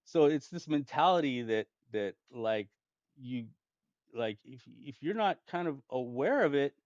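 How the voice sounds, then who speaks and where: A man's voice: medium pitch, animated, measured pace, no room sound. Male gaming host, casual rambling storyteller, dull lo-fi home mic. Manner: rambling, restarts often, chuckles while telling.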